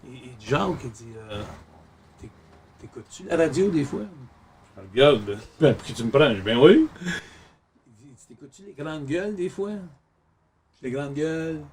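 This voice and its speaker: A man's voice: a little high, lively intonation, normal speed, long pauses, a little mellow. A man with a Quebec French accent hosting a podcast interview, emphatic and full of stories. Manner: emphatic, storytelling. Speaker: podcast host. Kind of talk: casual interview.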